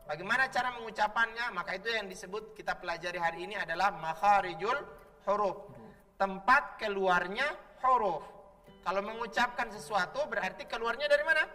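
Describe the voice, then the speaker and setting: A man's voice: high voice, fairly quick, pushed and bright, in a large hall, recorded from a distance. A man hosting a children's Quran lesson on television, teacherly and prompting the kids to answer back as he draws out each letter sound. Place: television studio.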